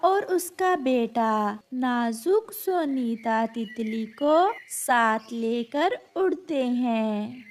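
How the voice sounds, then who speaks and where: Slow, high woman narrating a kids' story. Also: animated, slight background noise. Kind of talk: scripted storybook narration for children.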